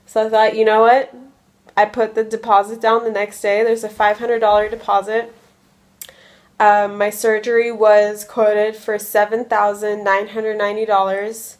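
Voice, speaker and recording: Medication has left this American woman in her early twenties drowsy as she chats in a relaxed vlog, rambling and saying "like" and "um" a lot. Her voice is mid-range with little pitch movement, at a normal speed.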